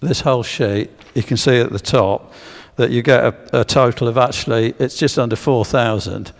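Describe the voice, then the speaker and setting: A man gives a history lecture in a church, pausing on fillers and restarting his sentences as he asks the audience for guesses. His voice has a gravelly, creaky edge at a middling pitch. The church hall's long echo trails after his words. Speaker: speaker giving a history talk. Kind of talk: public lecture with slides.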